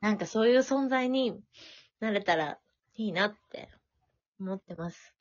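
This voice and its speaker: A woman's voice: medium pitch, expressive, unhurried. A woman co-hosting a podcast in casual chat, gushing and chatty. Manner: chatty, gushing about her niece. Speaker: podcast co-host. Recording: dull lo-fi audio.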